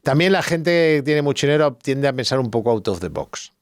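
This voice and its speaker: A man's voice: medium pitch, lively intonation, a little fast, no room sound, studio quality. A middle-aged man, a guest expert who explains at length, telling anecdotes and thinking aloud in a casual podcast chat.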